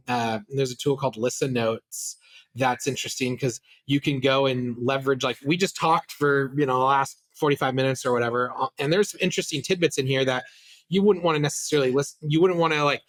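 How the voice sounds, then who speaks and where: A man's voice: medium pitch, fairly bright tone. A middle-aged man, a company CEO, speaking casually as a guest on a business podcast, with frequent fillers and restarts.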